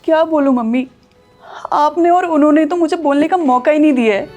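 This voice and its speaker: A married daughter pours out her grievances in a tearful, complaining voice, played by a woman. Her voice is high. Faint music plays under the scene. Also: a little fast, mellow, lightly acted. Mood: upset. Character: upset married daughter, resentful. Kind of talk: Hindi short film acting.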